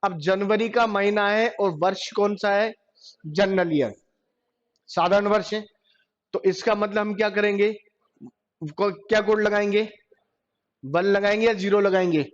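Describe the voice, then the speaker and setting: In a dull, lo-fi classroom recording, a high-pitched male computer teacher lectures at a measured pace with fairly even intonation and long pauses. He poses questions to the class and supplies the answers himself.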